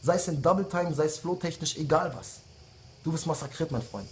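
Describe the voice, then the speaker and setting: A man's voice: on the high side, brisk, slight background noise. A man in his late twenties, a rapper delivering a heated, insulting diss message straight to his rivals. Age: late 20s. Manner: heated, insulting rant with repeated jabs. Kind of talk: angry diss video message.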